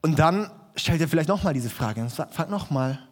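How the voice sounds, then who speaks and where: A man's voice: fairly high pitch, animated, brisk. A man preaching a sermon, reading a Bible passage and then talking in a casual, conversational way with acted quotes. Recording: long reverb of a hall.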